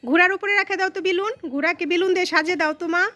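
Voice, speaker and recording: A high, bright-toned woman narrates a casual family vlog. She turns from viewers to coax her little daughter, gentle and chatty. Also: fast talker. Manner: coaxing, talks to viewers and to a small child. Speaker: mother filming her daughter.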